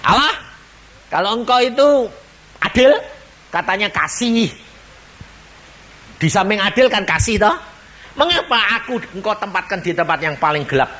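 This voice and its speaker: A man voicing a pleading sinful man facing judgment, with a high, protesting tone. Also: animated, moderate pace, pauses often, bright, forceful tone.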